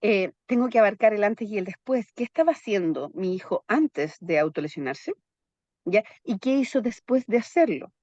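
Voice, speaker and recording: A woman's voice: mid-range voice, expressive, moderate pace, darkish tone, no room sound, highs cut off. A woman psychologist explaining in an interview, constantly checking in with her listener through little tag questions. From Chile. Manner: keeps checking in with "¿ya?" tags.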